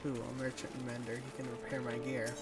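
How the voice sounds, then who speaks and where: A man casually commenting while playing a video game on stream, thinking aloud in a relaxed way. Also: mid-range voice, fast. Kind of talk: casual let's-play commentary. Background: game music.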